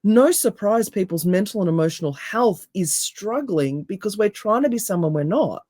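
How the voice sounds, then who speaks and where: A woman with a deep, raspy voice and an Australian accent talks as a coach in a podcast interview. She speaks with emphasis and fires off punchy rhetorical questions. Her tone is mellow and warm, and the recording is dry and close. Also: animated, normal speed, no room sound. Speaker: NLP coach and hypnotherapist, guest.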